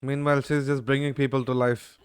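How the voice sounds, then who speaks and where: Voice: mid-range voice, little pitch movement, fairly quick, clean tone, no echo. A sleepy, just-woken-up co-host of an anime reaction show, chatting in a laid-back, laughing way. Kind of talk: casual chat.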